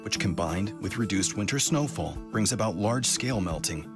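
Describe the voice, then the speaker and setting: Brief: low male narrator, measured news read, heavy music underneath. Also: animated. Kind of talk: scripted narration. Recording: loud music bed behind voice.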